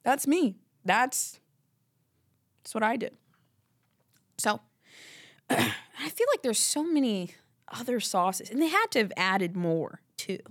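A woman's voice: on the high side, sing-song, takes it slowly, pauses often, dry recording, clean studio sound. A woman hosting a podcast alone, talking in a rambling, candid, casual way and swearing now and then. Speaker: podcast host. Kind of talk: casual solo chat.

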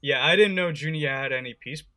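A young man in his twenties co-hosting a podcast, chatting casually with quick, quizzical banter. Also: fairly high pitch, bright, forceful tone. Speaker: podcast co-host. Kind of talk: casual chat.

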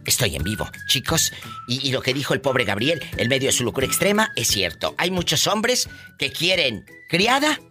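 A man's voice: mid-range voice, big pitch swings, moderate pace, bright, forceful tone, soft background music. A man hosting a live radio talk show, giving playful, sassy, theatrical advice to listeners from a studio. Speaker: radio host.

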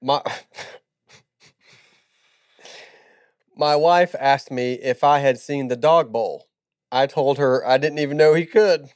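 A man's voice: mid-range voice, slow pace, pauses often, dry recording, clean studio sound. A man co-hosting a podcast, telling dad jokes in a playful, teasing, giggly way. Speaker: podcast co-host. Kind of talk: casual chat, trading dad jokes.

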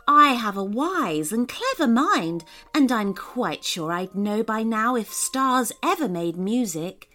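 A woman's voice: fairly high pitch, sing-song, slow, hardly any pauses, sharp tone, full character voice. A woman voicing a haughty female owl who speaks in a pompous, dismissive way.

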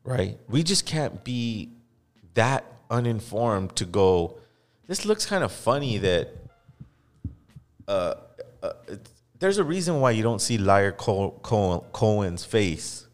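In a podcast studio, a man from Los Angeles with a lowish, expressive voice takes his time while hosting a heated, casual conversation. His manner is impassioned and profane, and he mimics people in quoted voices to mock them. Long hall reverb and faint music sit in the recording.

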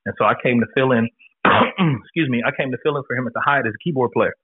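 A man's voice: mid-range voice, fast, slightly rough, no echo. Candid man in his forties on a tinny line. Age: 40s. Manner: laid-back, candid, profane storytelling. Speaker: podcast guest. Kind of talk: casual chat. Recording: tinny phone-like line, dry.

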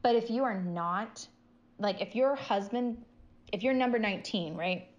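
A young woman in casual podcast chat, talking bluntly with plenty of swearing and filler words. Her voice sits at an ordinary middle pitch. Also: unhurried, highs cut off. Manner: blunt, profane, lots of "like". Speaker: podcast co-host.

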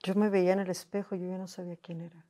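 Speaking fast in a lowish, mellow, flat tone, a middle-aged Mexican woman tells her personal story as an interview guest, and the emotion comes through. Repetition runs through her telling, and she plays out the words others said to her.

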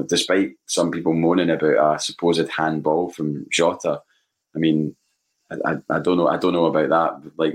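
A Scottish man in his forties talking casually about football in a halting, repetitive way as a podcast panellist. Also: extremely low pitch. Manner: halting, repeats words.

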